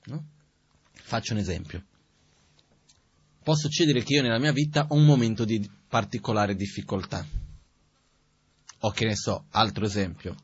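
A man giving a Buddhist teaching in a calm, conversational way, asking rhetorical questions as he goes. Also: lowish voice, normal speed, long pauses, husky. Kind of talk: spoken dharma teaching. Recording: dull, dry, lo-fi recording.

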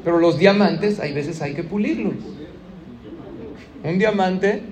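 Un rabino con acento mexicano que da un sermón contando una historia con moraleja y hablándole directamente al público. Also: male voice, high-pitched, takes it slowly, background noise. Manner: lively storyteller, addresses audience directly. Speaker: rabbi. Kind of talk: sermon with a moral story.

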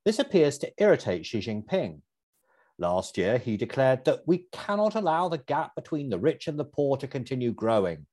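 A man's voice: mid-range voice, sing-song, normal speed, darkish tone. A man hosting a podcast, reading a scripted introduction and asking articulate questions. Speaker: podcast host.

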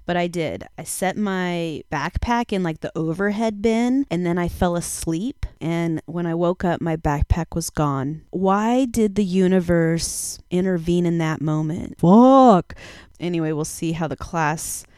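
A woman in her forties speaks as a podcast host. She tells a personal story in a frank, confessional way and swears casually. Her voice is on the low side and smooth, and it sounds close and dry. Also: a little slow, hardly any pauses, mellow, no echo.

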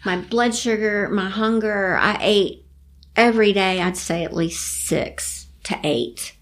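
A woman telling her story in a casual interview, animated and laughing often. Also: takes it slowly. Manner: animated, laughs often, acts out quotes in a high voice. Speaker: guest.

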